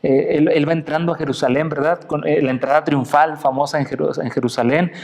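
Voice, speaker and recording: Man from Mexico, preacher; lively sermon delivery with pointed questions to listeners, slightly raised pitch. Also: brisk, gravelly. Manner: animated preaching, acting out quotes with big pitch swings; addresses listeners directly with questions.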